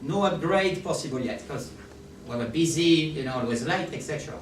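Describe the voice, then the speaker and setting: A man with a French accent gives a talk in a large conference hall, his fairly high voice brisk and animated. He keeps asking the audience whether they follow and seeks their agreement. The recording is distant and roomy, with a slight hiss or hum.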